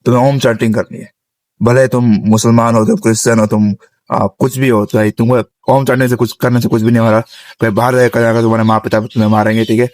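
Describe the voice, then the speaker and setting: A man's voice: mid-range voice, level tone, quick pace, a little mellow, dry recording. A young man giving a casual spoken tutorial on vocal tips, outdoors on a rooftop. He explains step by step and keeps checking in with his listeners. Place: outdoors on a rooftop, sitting on the ground.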